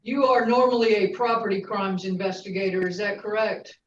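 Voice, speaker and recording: A woman's voice: mid-range voice, a little hiss or hum. Woman prosecutor in a courtroom recording. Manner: brisk, formal questioning. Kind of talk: courtroom witness questioning. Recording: roomy, distant, dull courtroom recording.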